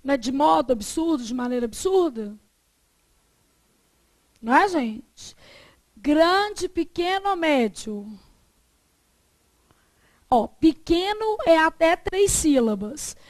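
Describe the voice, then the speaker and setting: A woman teaching a Portuguese grammar lesson, lively, asking the class questions and answering them herself. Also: high-pitched, takes it slowly, pauses often, no echo.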